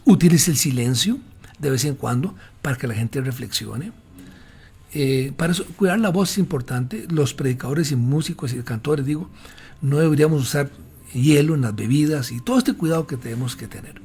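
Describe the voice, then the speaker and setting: A man's voice: mid-range voice, normal speed, darkish tone, breathy edge. A man teaching fellow pastors how to use the voice in preaching, giving direct advice in a didactic manner with frequent fillers. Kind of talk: instructional lecture to pastors. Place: speaking while drinking water during a talk.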